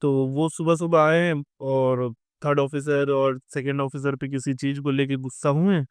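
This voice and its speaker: A man's voice: mid-range voice, level tone, measured pace, clear, resonant tone, no room sound, clean studio sound. A young man tells a casual story about life at sea and keeps dropping "theek hai" and "matlab" as he goes. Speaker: merchant navy officer sharing advice.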